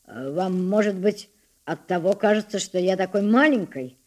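A woman voicing a poor, shy but proud teenage boy with a hoarse, timid voice. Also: mid-range voice, normal speed, close to an everyday voice. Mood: restrained. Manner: quiet, restrained, polite.

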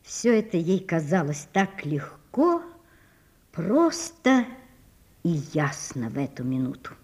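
A woman reading a classic novel aloud as narrator, in a measured, expressive storytelling manner. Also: lowish voice, breathy edge.

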